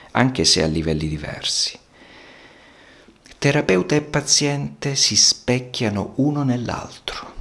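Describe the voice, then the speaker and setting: A man with a very low voice and a gravelly, creaky texture talks about therapy in an unhurried, reflective way. His phrasing is measured and almost poetic, as he lets each thought settle before the next. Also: fairly bright tone. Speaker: psychotherapist. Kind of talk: slow reflective monologue.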